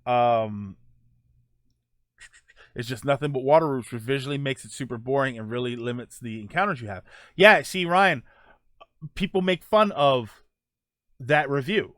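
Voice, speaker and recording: A man hosts a gaming livestream, talking casually and answering viewer comments. His medium-pitched voice is a bit bright, captured as clean, echo-free studio sound. He speaks haltingly, circling back to rephrase his points.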